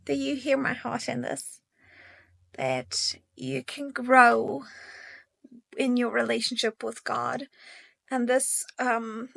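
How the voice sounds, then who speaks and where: A young woman giving a casual, earnest devotional talk to her viewers, encouraging and gentle with soft pauses. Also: fairly high pitch, creaky. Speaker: faith vlogger.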